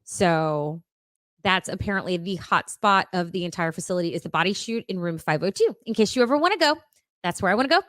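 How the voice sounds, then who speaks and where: A woman's voice: lowish voice, animated, brisk, fairly bright tone, no echo. A woman co-hosting a casual podcast, chatty and laughing often, with lots of fillers. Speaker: podcast co-host. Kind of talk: casual chat.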